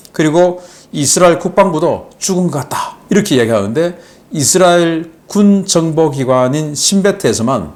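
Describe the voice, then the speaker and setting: Guy walking through military news, mid-pitched voice, chatty and explanatory, keeps going "so, now...". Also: darkish tone. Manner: explanatory, often starts phrases with a drawn-out "자". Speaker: host of a defense affairs channel. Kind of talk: casual spoken commentary.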